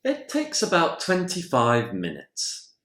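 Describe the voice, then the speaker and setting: A man's voice: fairly high pitch, huge pitch swings, slow, a bit bright, echoey room, voice pushed up, heavily acted. A man playing a polite, helpful train station ticket clerk in a lesson dialogue. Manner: polite, helpful service talk.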